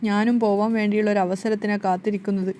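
A woman's voice: medium pitch, flat delivery, fast talker, dark tone, a little hiss or hum, natural voice. Sulky young husband, read by a woman. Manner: pleading, sulky.

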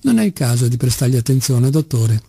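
A man's voice: medium pitch, sing-song, a little fast, gravelly, dark tone, breathy edge, no room sound, studio quality, full character voice. A man reading the part of a stern, earnest young man in an audiobook. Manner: firm, imperious.

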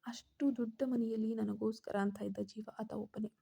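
Female storyteller, dark mellow tone, pitched a bit high. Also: flat delivery, normal speed, gravelly, slightly rough. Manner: voices the characters' quoted lines herself. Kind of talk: first-person story narration.

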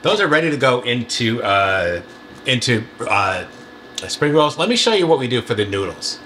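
Over a noisy background, a middle-aged cooking-show co-host chats casually at a moderate pace while demonstrating his meal prep in a home kitchen. His manner is relaxed and full of fillers, and his voice rises in pitch when he's excited.

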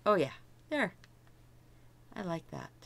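A woman's voice: fairly low pitch, sing-song, takes it slowly, gravelly, a bit bright. A middle-aged woman teaching a step-by-step painting lesson, chatty and thinking aloud as she works, delighted by her own results. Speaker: art instructor.

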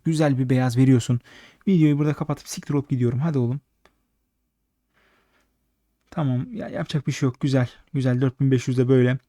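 Hoarse-ish guy cussing at a slot machine, dark voice, dry sound. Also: medium pitch, steady tone, racing, dry recording. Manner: frustrated, swears constantly, talks at the machine. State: slightly hoarse late at night. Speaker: slot streamer. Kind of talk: casual live slot commentary.

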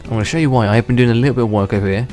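A young gaming channel host chatters very fast in a mellow, mid-range voice, giving casual, rambling commentary as he plays. He restarts sentences and chuckles to himself, his voice slightly worn from being ill, while faint music plays underneath.

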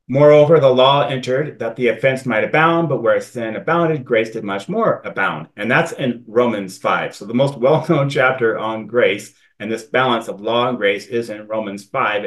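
A man's voice: mid-range voice, rough recording. Man teaching a Bible study. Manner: reads scripture aloud, then explains in a relaxed, conversational way. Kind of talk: scripture study presentation.

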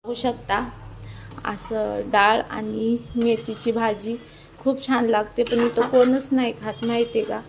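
A middle-aged woman chats informally for a home cooking vlog, hoarse from a sore throat, her voice giving out. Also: fairly high pitch, flat delivery, takes it slowly, noisy background. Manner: chatty, repetitive, informal. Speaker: homemaker video blogger. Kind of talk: casual cooking vlog chat. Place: home kitchen.

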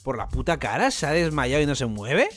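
A young man with a Spanish accent from Spain, chatting excitedly and slangily as a streamer reacting to a new manga chapter. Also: on the high side, fairly quick, soft background music. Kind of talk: casual live-stream reaction.

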